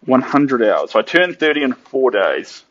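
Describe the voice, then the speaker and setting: A New Zealand man in his late twenties chats casually with his viewers while painting on a live stream, upbeat and talkative, slipping into bits of song. His mid-range voice swings widely in pitch at a normal pace and sounds a bit bright. The lo-fi recording carries a little hiss or hum.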